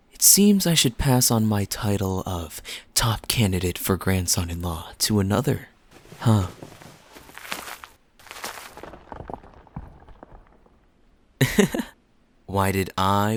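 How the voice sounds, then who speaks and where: A man's voice: lowish voice, slight background noise. Man playing suave, teasing Kaeya, swooping flirtatious lilt. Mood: playful, boastful. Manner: smooth-talking, playful, coy, lingering phrasing. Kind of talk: romantic interactive audio roleplay, spoken to the listener.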